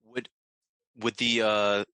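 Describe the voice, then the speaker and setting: A tabletop game player with a very low voice who talks in a relaxed, conversational way. His tone is bright, and the sound is close and dry. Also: takes it slowly, smooth, dry recording. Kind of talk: casual table talk.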